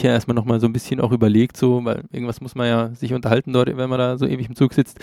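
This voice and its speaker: A man's voice: medium pitch, warm tone, no echo, clean studio sound. A man narrating a travel story as a vlogger, chatty and wry.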